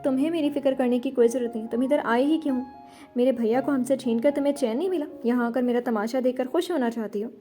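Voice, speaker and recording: A woman's voice: on the high side, faint music behind, close to an everyday voice. Bitter jealous young sister, read by a woman. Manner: sharp, resentful.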